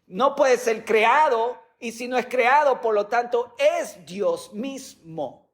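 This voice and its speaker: A man's voice: very high voice, takes it slowly. A man preaching a sermon as a pastor, teaching with rhetorical questions and sometimes repeating words as he goes.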